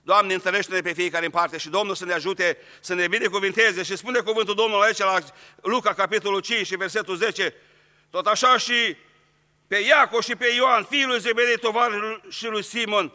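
A man's voice: sits high, steady tone, bright, forceful tone, long reverb tail. A man preaching a sermon, speaking earnestly and straight to his congregation. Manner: earnest, addresses the congregation directly.

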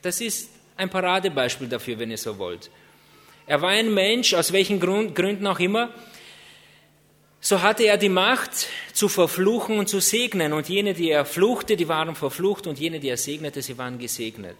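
A man's voice: high voice, lively intonation, moderate pace, a bit bright, big-room sound. A man preaching a sermon, earnest, asking rhetorical questions and drawing out key words.

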